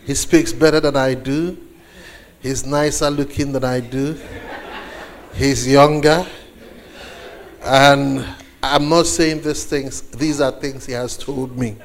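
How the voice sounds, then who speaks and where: Preaching as a guest before a congregation, a man from eastern Nigeria delivers his sermon deliberately, pausing and repeating phrases for emphasis. A native Igbo speaker with a Nigerian accent, he has a creaky, medium-pitched voice with fairly even intonation.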